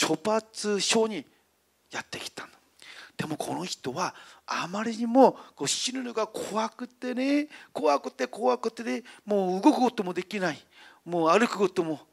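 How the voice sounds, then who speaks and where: High, lively man telling a sermon story. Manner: animated, emphatic storyteller addressing children directly. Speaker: children's church pastor.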